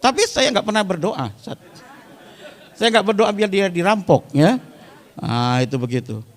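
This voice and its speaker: A male preacher in his thirties with a voice sitting somewhat above the usual male pitch. He tells stories in a relaxed, chatty way and keeps turning to his live congregation as he talks. The talk mixes religious teaching with humor. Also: normal speed, in a large hall. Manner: chatty storytelling, often addressing the listeners directly. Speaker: Islamic preacher. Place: weekly study gathering before a live audience.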